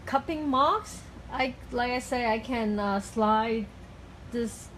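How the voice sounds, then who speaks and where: A woman with talks through a hands-on treatment as the practitioner. She is instructive but halting, pausing to find her words. There is clear noise behind her in the room. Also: fairly high pitch, fairly bright tone. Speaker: acupuncturist giving a cupping treatment. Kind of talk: explaining a treatment in casual talk. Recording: clearly noisy room recording.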